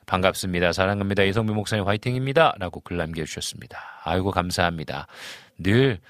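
A man's voice: deep voice, quick pace, dry recording, studio quality. A man in his forties, a pastor hosting a live stream, reading out viewer comments and chatting casually with many fillers. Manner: chatty, warm greetings, frequent fillers and chuckles.

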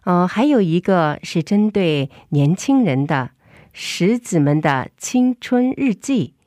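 A woman radio host talks casually through a face mask. Her voice is low and mellow, recorded dry in a studio. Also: sing-song, slow, dry recording. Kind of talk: casual co-hosted programme talk.

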